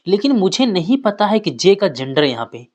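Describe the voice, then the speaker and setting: A man's voice: high voice, very animated, moderate pace, darkish tone, muffled recording. A man teaching a reasoning class, repeating key points and putting questions to his students. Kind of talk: classroom lecture.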